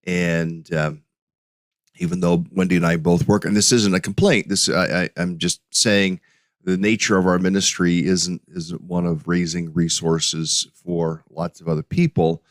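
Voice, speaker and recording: Middle-aged man, low voice, dry close sound, hesitant podcast host with frequent restarts. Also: flat delivery, unhurried, dry recording. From United States. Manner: hesitant, many restarts and fillers. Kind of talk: casual solo podcast with slides.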